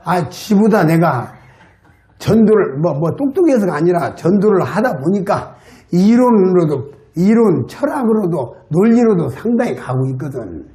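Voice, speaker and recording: A man's voice: normal speed, echoey room. A man with a Jeolla Korean accent preaching a sermon at a church camp, telling stories and acting out the people in them. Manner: animated, acts out dialogue with high excited voice. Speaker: lay preacher. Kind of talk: sermon with acted-out anecdotes. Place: church hall.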